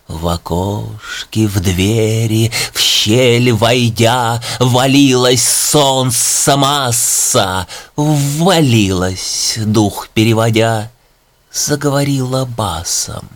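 A man giving a dramatic poetry recitation, his low voice carrying a measured, rhythmic beat. He takes the lines very slowly and leans hard on the stresses.

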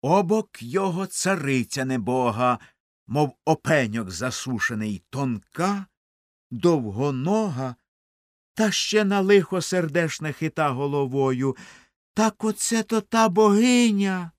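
A man performs a dramatic poetry recitation in an unhurried, deliberate way. His pitch ranges widely as he drops to hushed lines and then rises to loud, ringing ones. The sound is close and dry. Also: animated, no echo. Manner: declamatory, with sweeping swings from hushed to loud.

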